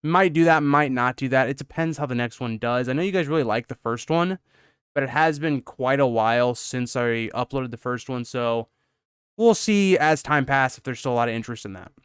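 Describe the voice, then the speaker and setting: A man's voice: mid-range voice, brisk, clear, resonant tone, no echo, clean studio sound. A young man hosting his channel, out of breath after a workout, giving a loose, rambling update with lots of "um" and "kind of". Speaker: YouTube channel host. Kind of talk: casual channel update talk.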